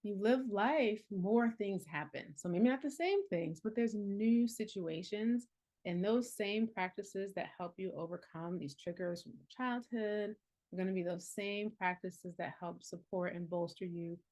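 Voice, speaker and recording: She's in her forties, a healing coach and herbalist whose mid-range voice has a darkish tone and a slightly slow pace. Speaking casually and earnestly in a reflective way, she laughs a lot and fills her speech with fillers.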